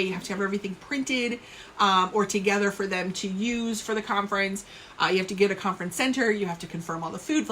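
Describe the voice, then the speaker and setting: Jersey lady in her 30s rambling on a home live stream, bright voice, webcam mic. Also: medium pitch, slight background noise. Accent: New Jersey. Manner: chatty, rambling, self-deprecating. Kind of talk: casual live-stream chat.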